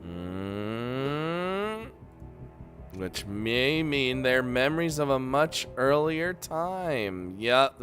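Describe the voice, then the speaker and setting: A man playing a story game, reading its narration aloud and reacting with jokes and laughter. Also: medium pitch. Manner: animated, laughs often, reacts loudly and jokes. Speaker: game streamer. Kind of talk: let's play, reading game text aloud with commentary.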